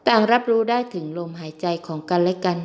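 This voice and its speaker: A woman reading a romance novel aloud in steady, even storytelling, lifting her voice for the heroine's lines. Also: fairly low pitch, quick pace. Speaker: audiobook narrator. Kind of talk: scripted novel narration.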